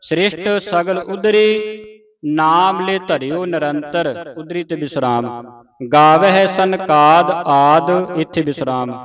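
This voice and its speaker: Slow, deliberate male recitation teacher. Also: a little high, fairly bright tone. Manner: slow, syllable-by-syllable recitation with pronunciation corrections. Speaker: gurbani teacher. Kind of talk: santhya recitation lesson. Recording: dull audio with a group repeating. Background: a group of students repeating the words.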